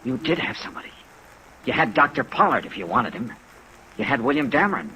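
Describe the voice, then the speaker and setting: A man's voice: mid-range voice, a little fast, a little hiss or hum, low-quality recording. An actor playing an earnest, persistent male investigator in a 1950s radio drama, pleading and persuasive, on a vintage recording. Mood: reassuring. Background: steady rain sounds.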